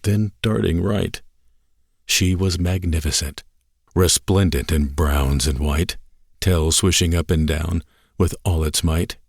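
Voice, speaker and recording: A man narrating a written story expressively, in measured, dramatic short phrases. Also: sits low, dry recording, clean studio sound.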